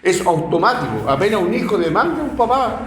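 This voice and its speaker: A middle-aged Chilean man preaches a sermon in a high voice, telling stories with plenty of feeling and repeating his words as he goes. His voice rings around an echoey room. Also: sing-song, fairly quick, a crowd in the background. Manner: emotional storytelling with many repeated words.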